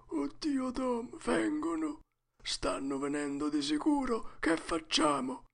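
A narrator putting on a scared young boy in whispered role-play, high above the reader's own voice and breathy, with a gravelly edge. He shivers through every hushed word, superstitious and sure the worst is near. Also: measured pace, exaggerated voice. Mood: terrified.

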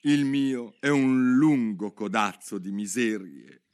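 A man's voice: high voice, normal speed, fairly bright tone, pitched above the performer's own voice. A man voicing an easily offended male mouse in a storybook reading, speaking sharply and scolding. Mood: sighing.

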